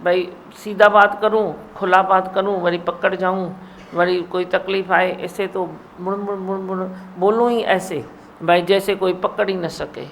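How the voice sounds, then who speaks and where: A woman's voice: fairly low pitch, steady tone, unhurried, slight background noise. A woman guru gives a sermon, scolding and teasing her listeners and mimicking their mumbling. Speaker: spiritual guru. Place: satsang hall.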